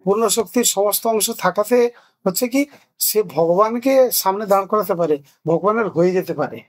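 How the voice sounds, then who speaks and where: Male spiritual teacher with a notably high voice, patient and explanatory, teaching in a discussion. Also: a little fast. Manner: explains patiently, asks rhetorical questions. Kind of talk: spiritual discourse.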